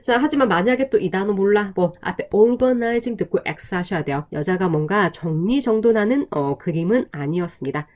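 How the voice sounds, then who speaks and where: A woman teaches an English exam review in a clear lecturing manner. She keeps checking in with her students through rhetorical questions and repeats words to drill their pronunciation. Her voice sits at a middle pitch for a woman. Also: lively intonation, normal speed, few pauses, darkish tone. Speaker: TOEIC English instructor.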